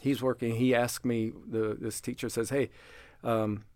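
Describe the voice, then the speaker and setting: An older man who heads a language center tells stories in a casual interview, his mid-range voice recorded dry and delivered at a measured pace. He's an animated storyteller who acts out the dialogue and laughs often.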